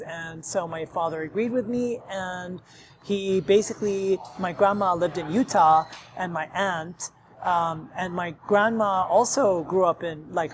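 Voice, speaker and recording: His high voice comes with a little hiss or hum in the audio. Raised in Nigeria in a Lebanese family, he runs a restaurant and, speaking as a podcast guest from a restaurant, answers earnestly and at length, often saying um.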